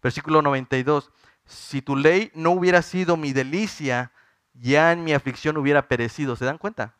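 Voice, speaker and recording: Earnest preacher man, crisp dry voice. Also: on the high side, normal speed, a bit bright, dry recording. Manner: earnest, questioning the congregation, rising in fervor. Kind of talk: sermon.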